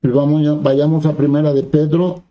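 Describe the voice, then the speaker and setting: A man's voice: a little high, level tone, moderate pace, muffled recording. A man preaching a sermon who reads scripture aloud and then explains it in plain conversational words, often asking the listeners brief questions.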